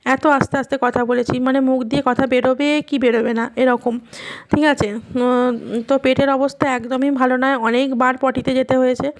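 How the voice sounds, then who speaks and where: A woman with a high voice narrates a home vlog as a voice-over. She sounds weak and worn out from being unwell, but keeps up a loose, chatty, rambling way of telling her day. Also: steady tone, moderate pace. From India, West Bengal. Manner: chatty, rambling everyday storytelling. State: weak and tired from illness. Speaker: vlogger.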